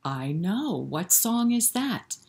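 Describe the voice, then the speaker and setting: A woman with a medium-pitched, slow, creaky, slightly mellow voice that swings widely in pitch hosts a story time for young children. She reads aloud interactively, sings, and talks straight to the kids with questions and encouragement.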